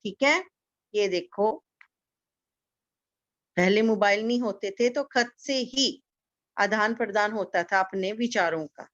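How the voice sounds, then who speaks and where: A woman teacher giving a slow, patient lesson to young children, repeating each word so they can echo it. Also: mid-range voice, a bit bright, muffled recording. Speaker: kindergarten teacher.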